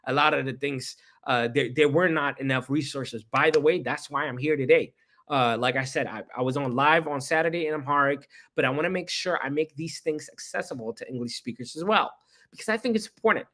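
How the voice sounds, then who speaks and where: Speaking a little fast in a somewhat high, sharp-toned voice, this young history presenter, born in Ethiopia, talks through the past in an easygoing, conversational way. He tends to repeat himself and throws in rhetorical questions.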